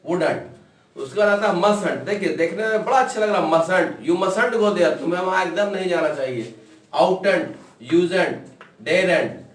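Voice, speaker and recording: Guy teaching english, high voice, slow careful drilling, sounds a bit far from the mic. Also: reverberant. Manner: drills words slowly one by one, stretching sounds. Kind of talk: online pronunciation lesson.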